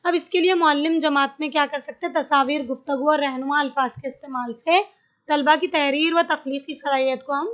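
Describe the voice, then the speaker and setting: A woman's voice: high-pitched, a bit bright. A woman teaching an exam-prep lesson, explaining step by step, repeating key terms and mixing in English words.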